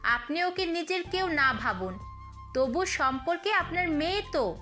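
Woman doing a high, reproachful matron. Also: lively intonation, pushed and bright, soft background music, heavily acted. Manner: reproachful, slow and measured. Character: indignant respectable middle-aged mother-in-law.

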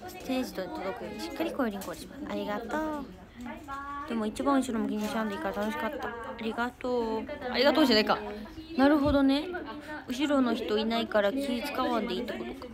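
A teenage idol girl hosts a casual livestream in a Kansai accent, her voice set fairly high for a young woman. She chats and thanks viewers one by one, light and friendly. A loud crowd of voices runs behind her. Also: fast talker. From Japan. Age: teens. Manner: chatty, thanks viewers often, giggles. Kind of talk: casual livestream chat reading comments.

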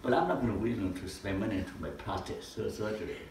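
This older lecturer talks fast, his lowish, darkish voice full of lively intonation, as he gives an informal lesson in a living room with a projector screen. He asks rhetorical questions and gestures broadly. The far-off camera recording sounds echoey, with a little hiss or hum.

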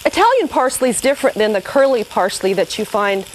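In this cooking demonstration, a middle-aged woman at the stove talks viewers through every step in a chatty, homey style while a pan sizzles and she stirs. Her fairly high voice is sing-song and a little fast. Audio quality is poor, with a bit of hiss or hum.

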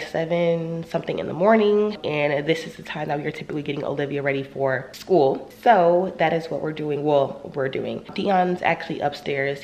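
A woman's voice: sits low, roomy sound. A young woman, chatting casually in a home vlog while congested from a cold, with lots of filler words. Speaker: vlogger. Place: home, indoors.

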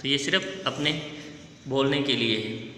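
Bright-voiced teacher spelling words slowly. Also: male voice, mid-range voice, a little hiss or hum. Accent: Indian Hindi-speaking. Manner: spells words letter by letter and repeats them slowly. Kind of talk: classroom lesson explaining English words in Hindi. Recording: echoey room with long reverb.

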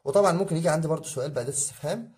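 Man, Egyptian accent, English teacher, exam review, very fast talk, mellow voice, quizzes the class and answers himself. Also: fairly high pitch. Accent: Egyptian Arabic. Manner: asks students questions and answers them himself; addresses students as guys, drilling rules.

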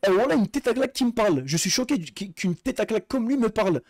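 A man streaming live in a heated argument. His voice sits high and the words tumble out quickly. He keeps pressing the same slang address over and over, talking over his opponent. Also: lively intonation, dry recording, clean studio sound. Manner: insistent, repeats slang address, talks over the other.

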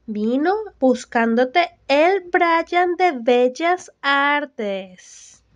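A woman's voice: high-pitched, animated, exaggerated voice. Woman playing a dramatic, gossipy young mother. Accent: Venezuelan. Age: young adult. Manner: drawn-out, theatrical, sighing "ay" complaints. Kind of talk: comedic student film acting. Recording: dull, dry, lo-fi.

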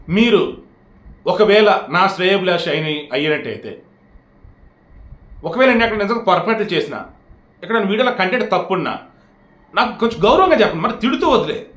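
Fast, heated man commentator. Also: high voice, sing-song, fairly bright tone. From India. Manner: heated, scolding, rhetorical questions. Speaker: political YouTube commentator. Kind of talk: direct-to-camera political commentary. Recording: roomy echo.

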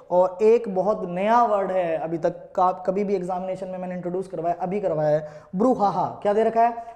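A man's voice: high-pitched, dark tone. A man with an Indian accent teaching English vocabulary in an online lesson, asking the same question again and again and spelling words out letter by letter. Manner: drills words with repeated call-and-answer questions. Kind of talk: classroom-style online lesson.

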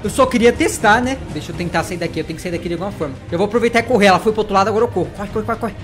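Fast-talking excitable gamer. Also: male voice, high voice, faint music behind. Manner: excitable, jumpy, talks straight to viewers. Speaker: gaming vlogger. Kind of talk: let's-play commentary.

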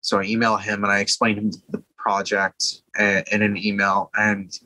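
A man in his twenties, a filmmaker guest, telling stories in a casual interview, animated and quick to laugh. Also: on the low side, no echo, rough recording. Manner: animated, laughs often, quick self-corrections.

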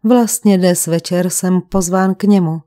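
A woman reading the lines of a calm, probing middle-aged male police commissioner in an audiobook, with measured, gentle questioning. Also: on the low side, lightly acted. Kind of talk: audiobook character voice.

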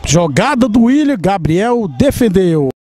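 A Brazilian man commentating a football match live, with explosive shouted calls and drawn-out words. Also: high-pitched, sing-song.

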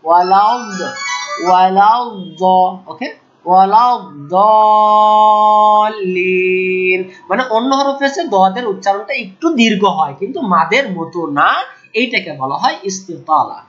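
A male Quran teacher gives an online tajweed lesson at a measured pace. He drills each letter sound slowly and more than once, and fills the gaps with a steady "okay". The recording sounds a little dull and lo-fi. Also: sits high, faint music behind. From Bangladesh. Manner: patient, repeats sounds slowly and says "okay" often.

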